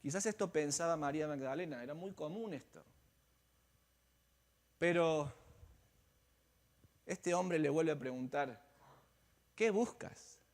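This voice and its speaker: Male pastor, high voice, dramatic sermon storyteller who drops to near-whispers, long church-hall echo. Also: unhurried, pauses often. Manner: dramatic storytelling, swinging between loud and hushed. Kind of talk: Easter sermon. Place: church sanctuary.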